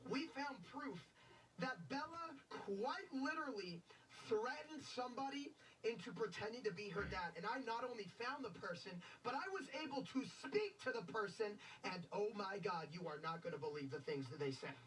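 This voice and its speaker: A woman's voice: fairly high pitch, expressive, normal speed, fairly bright tone. A woman giving a casual spoken recap. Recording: distant mic with faint noise.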